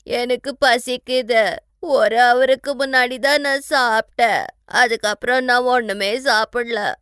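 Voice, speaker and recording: Give me a woman playing a greedy cartoon wife, loud, whining and a bit high. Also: moderate pace, clean tone, no room sound, clean studio sound, natural voice. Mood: whiny. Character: greedy young wife, whiny and demanding.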